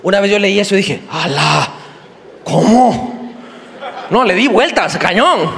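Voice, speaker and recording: A high-pitched man with a Mexican Spanish accent delivers a lively, jokey sermon. He slips into shrill, squealing character voices to act out his examples. His voice rings with the long reverb of a large church hall. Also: fairly quick. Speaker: preacher.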